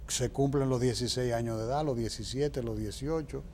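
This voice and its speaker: Here a man with a Dominican Spanish accent talks a little fast, his medium-pitched voice carrying a darkish tone. As an interview guest he lays out political views emphatically, explaining his reasoning and tossing in rhetorical questions over slight background noise.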